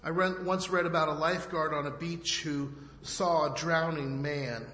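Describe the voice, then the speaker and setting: A man preaching a sermon in short phrases, pausing so an interpreter can translate. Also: on the high side, steady tone, pushed and bright. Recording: echoey hall with long reverb.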